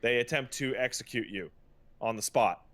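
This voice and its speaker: The podcast host, mid-pitched and a bit bright here, casually rants about video games in a stop-and-start way. He swears, hammers his points, repeats himself, and mockingly paraphrases others.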